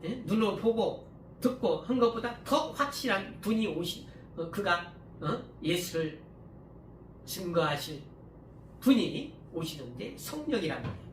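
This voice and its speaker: A male pastor giving a sermon in a conversational style, often asking the congregation to agree and sometimes breaking into louder passages. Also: high-pitched, animated, measured pace. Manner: conversational preaching, often asks listeners to agree; many fillers and restarts, sudden rises in volume. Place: church hall. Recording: echoey room, mic at a distance, faint background hum.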